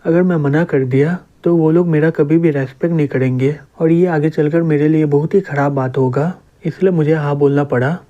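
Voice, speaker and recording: A man reading the part of a calm, confident young male city lord in a comic recap. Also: fairly high pitch, brisk, few pauses, lightly acted. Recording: dull lo-fi recording.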